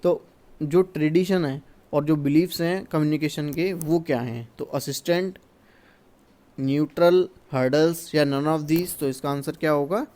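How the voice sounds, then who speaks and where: A man from India walking through exam questions as a teacher, reading the English questions slowly and then explaining them in Hindi. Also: a little high, darkish tone.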